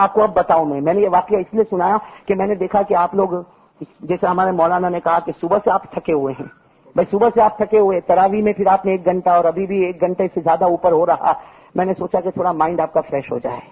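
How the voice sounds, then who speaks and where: A man's voice: high voice, husky. A man preaching a sermon in a mosque, mixing chanted recitation with humorous stories and chatty asides to the congregation. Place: mosque gathering. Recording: dull lo-fi recording.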